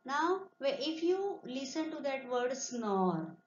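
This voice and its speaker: Indian lady teacher, online class, higher voice, echoey muffled recording. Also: big pitch swings, slow pace, a little hiss or hum. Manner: explains in English and Marathi, imitating animal sounds. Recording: roomy, muffled lo-fi sound.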